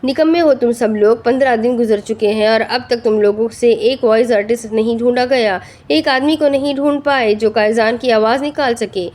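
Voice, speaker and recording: Bossy male gang boss, read by a woman, harsh and scolding, fairly high voice, novel audiobook. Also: hardly any pauses, darkish tone, close to an everyday voice. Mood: angry. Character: ruthless angry male gang boss, bossy and short-tempered.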